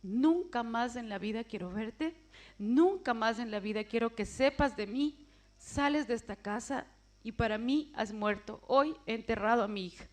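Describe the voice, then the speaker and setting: A woman's voice: a little high, normal speed, natural voice. A woman quoting her stern, unaffectionate older father as he disowns his daughter, cold and final. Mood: grave.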